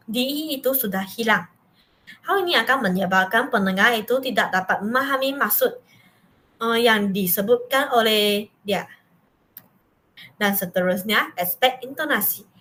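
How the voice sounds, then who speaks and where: A young woman student giving a class presentation, reading from notes with hesitant pauses and restarts. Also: medium pitch, a bit bright.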